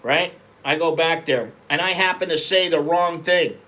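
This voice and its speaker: A middle-aged man from America talks in a loose, rambling vlog style, blunt and quick to swear. His voice sits a little high and rings bright and forward. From United States. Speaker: vlogger. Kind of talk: casual opinion vlog. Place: living in Bangkok.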